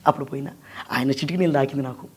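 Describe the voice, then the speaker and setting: A man's voice: mid-range voice, husky. A man from Andhra Pradesh, a mimicry artist and actor, talking earnestly and emphatically as an interview guest. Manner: earnest, emphatic, sings in a slow drawn-out voice. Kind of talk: interview conversation.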